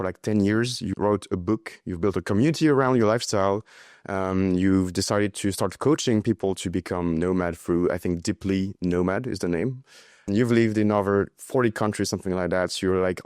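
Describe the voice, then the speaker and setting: Low-voiced French-accented podcast host. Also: male voice, darkish tone, no echo, studio quality. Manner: conversational, searching for words. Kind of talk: casual interview. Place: home in Paris.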